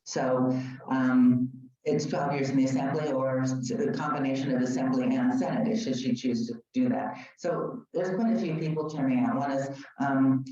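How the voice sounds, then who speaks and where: A woman's voice: extremely low pitch, fairly even intonation, normal speed, hardly any pauses, warm tone. A woman giving chatty, informative remarks at a community group meeting, with frequent fillers. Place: meeting room. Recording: roomy, distant, dull room mic.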